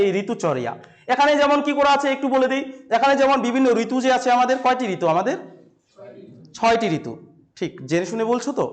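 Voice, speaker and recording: A man teaching a class to camera, asking questions and answering them himself, and repeating key terms slowly. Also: very high voice. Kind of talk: classroom-style lesson to camera.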